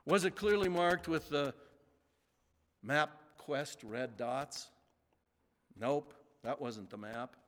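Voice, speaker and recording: Slow-preaching pastor, man, echoing sanctuary. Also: on the high side, a bit bright. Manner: slow, emphatic preaching with dramatic pauses. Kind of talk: sermon. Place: church sanctuary. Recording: long reverb of a large sanctuary.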